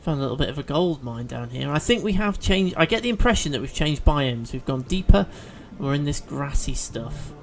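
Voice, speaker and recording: A man's voice: a little high, animated, fairly quick, vocal fry, hardly any pauses, slight background noise. A man chatting through a video game as he plays, thinking aloud with fillers and restarts. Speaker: let's play host. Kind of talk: gameplay commentary.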